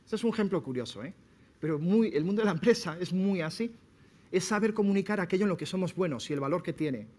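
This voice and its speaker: A man from Spain giving a sales seminar to entrepreneurs, lively and quizzing his audience. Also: sits high, quick pace. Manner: lively, questions the audience directly. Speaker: speaker at a business talk. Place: seminar room.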